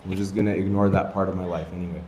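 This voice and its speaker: A man's voice: deep voice, fairly even intonation, rapid-fire, mellow. A man in his thirties, an Islamic studies teacher, introducing himself with self-deprecating jokes, rambling asides and Arabic phrases. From United States. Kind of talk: casual self-introduction to a group. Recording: echoey room with faint noise.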